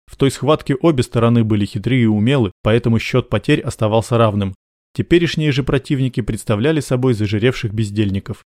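Male audiobook reader, even and dry. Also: medium pitch, fast, no room sound. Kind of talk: audiobook narration.

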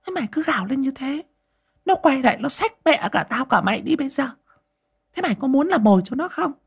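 A man's voice: very high-pitched, sing-song, fairly quick, vocal fry, pitched above the performer's own voice, heavily acted. A man voicing a bossy older village woman who scolds harshly. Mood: scolding.

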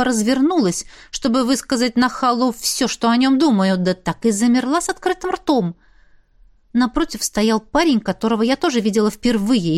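Expressive female audiobook narrator. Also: fairly high pitch. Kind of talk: first-person audiobook narration.

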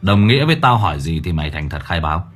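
A cold, commanding exorcist, as a male narrator puts him on, speaking in clipped, low threats. The voice is dropped and hard, with a husky grain and quick delivery. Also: big pitch swings, full character voice. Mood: stern.

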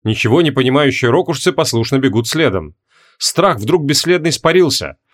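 Steady male audiobook narrator. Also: medium pitch, brisk.

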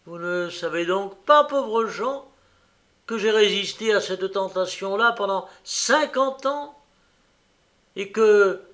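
A man's voice: fairly high pitch, animated, slow, voice pushed up, exaggerated voice. A man voicing an old, tormented gambler who turns desperate and furious. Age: older. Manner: anguished, rising to shouted rage.

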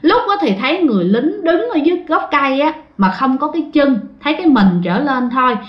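A woman's voice: high-pitched, big pitch swings, brisk. A woman who narrates ghost stories in a chatty, casual way and keeps addressing her listeners. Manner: chatty, addresses the audience often. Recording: dull, roomy recording.

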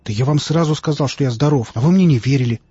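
A man's voice: medium pitch, quick pace, mellow, slightly rough, no echo, natural voice. A man playing an indignant, stubborn young man. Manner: indignant, arguing. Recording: dull lo-fi audiobook, faint music.

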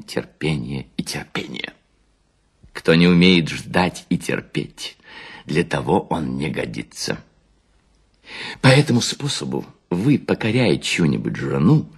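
A low, slightly rough male voice gives a heavily acted performance. He plays a worn-out, balding seducer who suavely lectures on his sly craft in a theatrical literary monologue, savoring his words and humming between them.

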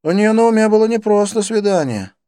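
A man doing an eager, excitable young racer. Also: high voice, brisk, smooth, no echo, clean studio sound, pitched above the performer's own voice. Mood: excited. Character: eager young man caught up in a street race.

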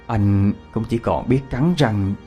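A man narrating a ghost story, expressive and dramatic. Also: lowish voice, slow pace. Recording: faint background music.

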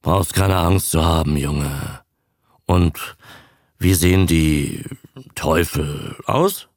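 A man voicing a heavy, hot-tempered old sea captain who gives sharp, gruff orders. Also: mid-range voice, lively intonation, slow, no echo, clean studio sound.

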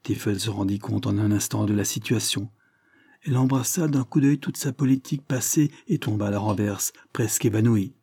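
Give me a man narrating a classic novel in a steady, measured way. His voice is low and slightly husky. It sounds dry and close to the mic. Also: no room sound. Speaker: audiobook reader. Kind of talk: literary narration.

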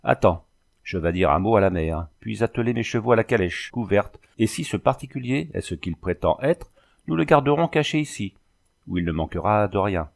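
A man's voice: lowish voice, lively intonation, normal speed, creaky. A man reading the part of a blustering old male carter in a storybook, folksy and exclamatory. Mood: resolute.

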